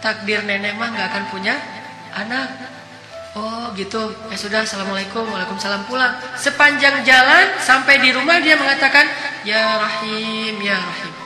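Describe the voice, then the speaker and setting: A man giving a casual, lively sermon, telling stories and playfully acting out the dialogue. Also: extremely high pitch, normal speed. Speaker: preacher. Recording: echoey hall with music behind.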